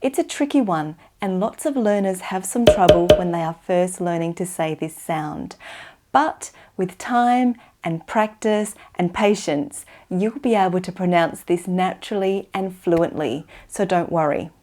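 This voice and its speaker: An Australian woman giving an instructional pronunciation lesson, enunciating slowly and carefully for language learners. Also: lowish voice, expressive, a little mellow. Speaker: English pronunciation teacher.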